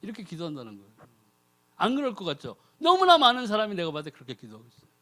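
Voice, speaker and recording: A man's voice: high voice, wildly swooping pitch, rapid-fire, pushed and bright. A man preaching a sermon as a deacon, firing rhetorical questions at the congregation and mimicking people's prayers in mocking voices. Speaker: lay preacher, ordained deacon.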